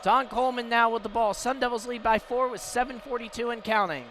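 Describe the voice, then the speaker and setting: An extremely high-pitched male voice calls live play-by-play for radio, brisk and steady with a fairly bright tone. He's broadcasting from his position at a sports venue, where clear ambient noise carries into the recording.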